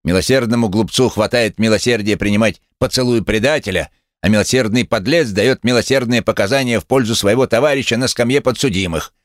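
A man's voice: lowish voice, sing-song, moderate pace, no room sound, clean studio sound, voice pushed up. A man voicing a sneering one-legged male cynic who speaks with mocking contempt. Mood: scornful.

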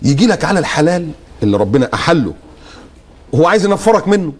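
A man with an Egyptian accent, a guest preacher giving animated commentary and mock-quoting his opponents. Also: on the high side, fast talker. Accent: Egyptian Arabic. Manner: lively, mock-quotes opponents. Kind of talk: animated religious talk-show commentary.

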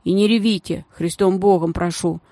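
Женщина озвучивает в аудиокниге застенчивого мальчишку с улицы, говорящего грубовато и по-простому, с бормотанием. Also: female voice, fairly low pitch, steady tone, normal speed, dark tone, no room sound. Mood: gruff. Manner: gruff, folksy, mumbling. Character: shy, rough-spoken street boy.

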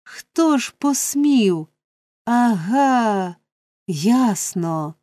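A self-important parish beadle, as a woman narrator puts him on in a storybook reading, speaking with solemn, stately gravity. The delivery is slow and unhurried, with a mellow tone. The sound is close and dry. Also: a little high, expressive, no room sound. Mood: indignant, solicitous. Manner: stately, solemn, flustered at times. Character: pompous middle-aged male parish beadle.

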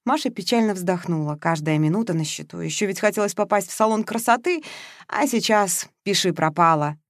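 A woman's voice: mid-range voice, lively intonation, a little fast, no echo. Woman narrating a novel, dry and close. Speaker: audiobook narrator. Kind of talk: scripted narration.

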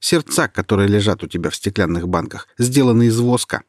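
A man's voice: on the low side, expressive, a little fast, a little mellow, no echo, studio quality, close to an everyday voice. A man reading aloud and voicing a young male charcoal burner who speaks brashly and stubbornly. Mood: scornful. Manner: brash, then firm and defiant.

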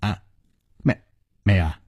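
A man voicing a sneering, villainous old beggar martial artist with a high, cackling delivery. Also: very animated, normal speed, slightly rough, no room sound, muffled recording, full character voice. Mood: cowed. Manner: cackling, wheedling, higher pitched.

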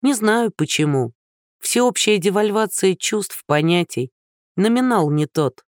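A man reading an audiobook, voicing Liza, a prickly, sharp-tongued young woman, in a higher voice with clipped retorts. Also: expressive, a little slow, clean tone, dry recording, studio quality. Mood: scornful.

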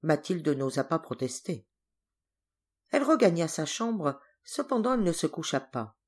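A woman narrating a story for an audiobook in a measured, clear reading voice. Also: sits low, sing-song. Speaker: audiobook reader. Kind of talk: scripted narration.

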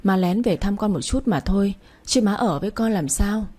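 A woman voicing a remorseful young mother who speaks softly and pleadingly, full of shame. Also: medium pitch, lively intonation, moderate pace, slightly rough. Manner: soft, pleading.

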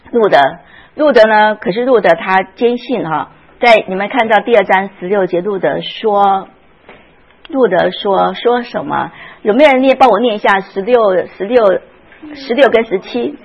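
A woman's voice: mid-range voice, husky, dull audio. A woman teaching a Sunday school Bible class, often asking the class questions and retelling scenes with feeling.

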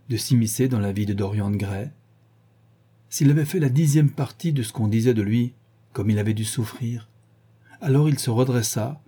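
A male narrator reads a classic novel in a measured, literary way. His voice is dark and mellow, with a husky grain that gives it weight. The delivery sounds like a steady audiobook. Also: lowish voice. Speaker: audiobook reader.

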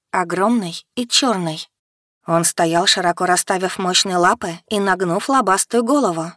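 A woman reads a first-person fantasy audiobook expressively and cries out the heroine's shouts at full voice. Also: medium pitch, no room sound, clean studio sound. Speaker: audiobook narrator.

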